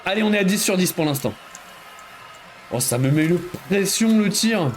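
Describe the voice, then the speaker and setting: A man giving live commentary on a video game he is playing, excitable and joking, often breaking into exclamations. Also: high voice, moderate pace, slight background noise. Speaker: streamer.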